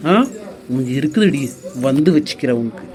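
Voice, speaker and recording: A man voicing a quick-tempered young husband in a cartoon, gruff and scolding, with a Bangalore Tamil accent. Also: mid-range voice, darkish tone, lightly acted. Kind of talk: cartoon voice acting.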